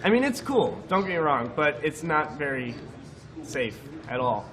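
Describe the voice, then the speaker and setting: A man talks through a co-op speedrun in a loose, rambling way, full of fillers and restarts. His voice sits a bit high for a man. Behind him, a live crowd murmurs clearly. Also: big pitch swings, normal speed.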